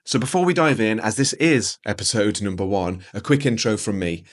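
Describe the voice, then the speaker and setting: A podcast host in his forties interviews his guest, upbeat and welcoming, in an expressive voice on the low side at a slightly fast pace.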